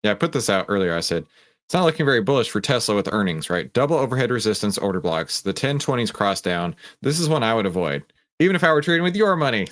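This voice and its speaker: This man hosts a live stock trading stream, chatting with viewers and offering casual market commentary in a fairly low, very animated, slightly bright voice at a fast clip. He explains things emphatically, asks questions and answers them himself, and often tacks "right?" onto his statements.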